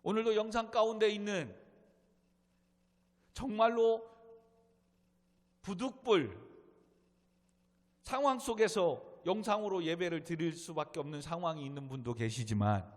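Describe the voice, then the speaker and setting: A middle-aged male pastor delivering an emphatic sermon in a church sanctuary, building to loud exhortation. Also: high-pitched, a little slow, pauses often. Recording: long hall reverb.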